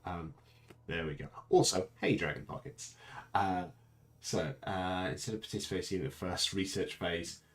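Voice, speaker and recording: A man's voice: deep voice, moderate pace. A man streaming a board game over his lunch break, chatting casually in a rambling, self-mocking way. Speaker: gaming streamer. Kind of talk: casual commentary while playing.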